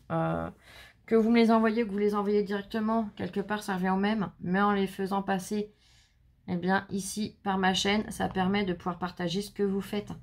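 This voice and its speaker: A woman hosting her crafting channel, chatting casually and effusively while showing handmade cards and teasing someone off camera. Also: medium pitch. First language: French. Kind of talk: casual unboxing chat.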